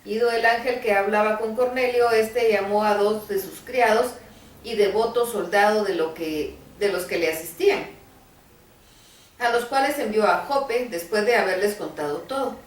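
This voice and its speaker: A woman hosting a devotional program, reading scripture aloud in a measured way and stumbling now and then. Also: medium pitch, recorded from a distance. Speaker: Bible reader and host. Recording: roomy, voice a bit off-mic.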